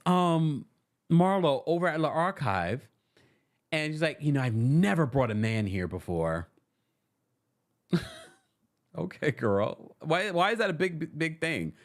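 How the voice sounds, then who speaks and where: A man hosting a live-stream recap, reading fan messages aloud and riffing in a sassy, laughing way. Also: a little high. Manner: sassy, animated, laughs often. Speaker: recap show host.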